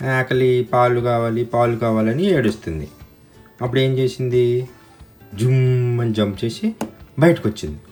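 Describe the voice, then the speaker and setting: Woman reading a kids' story with sound effects, quite low voice, soft music under it. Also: steady tone, normal speed. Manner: asks the listener questions, mixes in sound effects. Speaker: storyteller for children. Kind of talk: telling a picture story to a child with questions.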